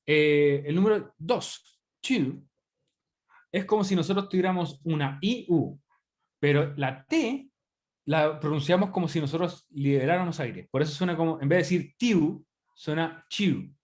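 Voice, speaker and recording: Through a computer mic on a video call, a man from Chile teaches English online in Spanish, chatting and often questioning his students to check in. His voice is a little high and a little mellow, at a normal pace.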